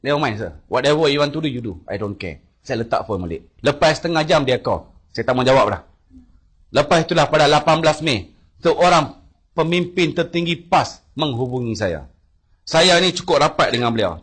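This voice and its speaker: A man's voice: medium pitch, fairly bright tone, husky. A man from Malaysia giving a public speech, recounting his experience in a storytelling way and acting out quoted phone calls in a raised voice.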